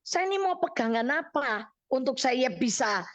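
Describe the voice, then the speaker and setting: A middle-aged woman evangelist with a Javanese accent, telling a personal testimony on a radio counseling show, animated and acting out what she said. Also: sits high, normal speed, dry recording. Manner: animated storytelling, acts out her own quoted words. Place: radio studio.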